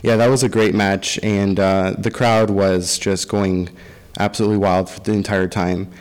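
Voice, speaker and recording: A man's voice: lowish voice, little pitch movement, moderate pace, a little mellow, clean tone. A man co-hosting a podcast, casually recapping and discussing wrestling in an echoey room. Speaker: podcast co-host.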